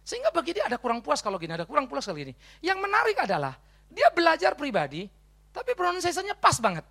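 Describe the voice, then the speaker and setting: A male pastor with a Batak accent, preaching a sermon in a lively, conversational storytelling way and acting out bits of dialogue. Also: very high-pitched, quick pace, creaky. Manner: animated storytelling, conversational asides; acts out dialogue in his story.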